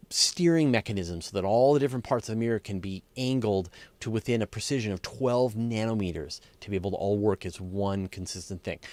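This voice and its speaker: A man with a fairly low, slightly mellow voice hosts a live astronomy Q&A, explaining things off the cuff with plain examples and stressing key words. There's no room sound.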